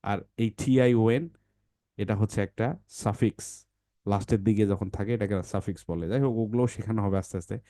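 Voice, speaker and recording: Low, mellow-voiced male phonics teacher. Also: moderate pace, no echo, clean studio sound. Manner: explanatory, checks in often with short questions. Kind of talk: explaining a teaching method to parents.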